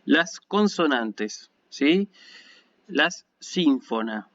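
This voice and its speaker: A man's voice: a little high, sing-song, drawn-out words, a bit bright. Patient Argentine male lecturer, dull audio. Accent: Argentine Spanish. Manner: patient and explanatory, often checking in with listeners. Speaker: university lecturer in Ancient Greek. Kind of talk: online lecture. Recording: dull lo-fi recording.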